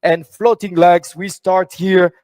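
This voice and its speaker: A man's voice: high-pitched, level tone, takes it slowly, a little mellow, no room sound, studio quality. A man working as a fine art auctioneer, calling live bids in a repetitive, partly sing-song chant.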